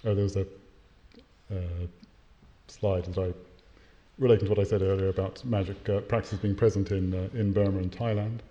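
Male academic lecturer, lowish mellow voice, measured delivery with small hesitations, dull lo-fi recording. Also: steady tone. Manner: measured, with occasional hesitations and self-corrections. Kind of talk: academic lecture with read-aloud story.

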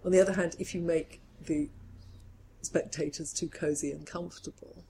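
A woman scholar talking in a measured, reflective way, building long careful sentences in an academic discussion. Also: deep voice, steady tone, mellow, rough recording. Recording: faint background noise.

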